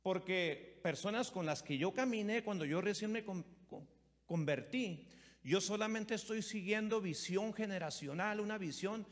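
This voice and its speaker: A man's voice: high voice, normal speed. A middle-aged man, a pastor preaching a sermon that moves from storytelling to emphatic, repetitive exhortation. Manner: storytelling, rising to emphatic preaching with repeated words. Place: church hall. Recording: long hall reverb.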